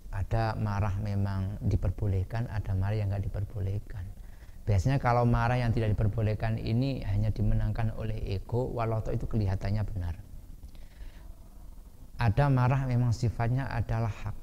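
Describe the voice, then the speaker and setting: A man with a Javanese accent giving a lively Islamic study sermon, asking his listeners questions and acting out angry shouting. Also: fairly low pitch, muffled recording, a little hiss or hum. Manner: lively, asks the audience questions, acts out shouting. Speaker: ustadz teaching a hadith class. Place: boarding school study hall. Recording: reverberant hall with faint ambience.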